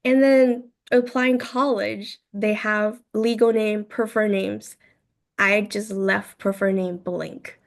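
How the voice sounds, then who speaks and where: A woman in her twenties from China, a guest telling her story in a casual interview, talking in halting phrases full of "like" and quoted thoughts. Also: mid-range voice, fairly even intonation, creaky. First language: Mandarin. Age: 20s. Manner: frequent "like" and "I was like" quoting, halting phrasing.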